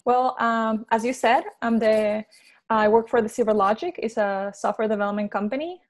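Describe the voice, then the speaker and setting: Woman, slightly high voice. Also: moderate pace. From Venezuela, raised in Peru. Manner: friendly, with frequent hesitations. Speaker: guest. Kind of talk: interview answers.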